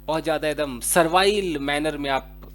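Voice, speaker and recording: A man teaching English vocabulary in a lesson, reading English definitions slowly and explaining them quickly in Hindi. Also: a little high, fairly bright tone, a little hiss or hum. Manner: chuckles at his own examples.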